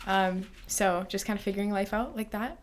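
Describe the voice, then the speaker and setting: A woman's voice: medium pitch, normal speed. Chatty young woman in her twenties. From Midwestern United States. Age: 20s. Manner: chatty, a bit scattered. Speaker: podcast guest. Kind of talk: casual chat.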